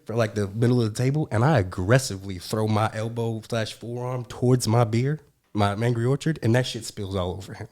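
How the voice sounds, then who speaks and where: A man co-hosting a podcast, telling a story in a casual, animated, profane way. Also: mid-range voice. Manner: animated, profane, slangy, says "bro" often. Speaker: podcast co-host.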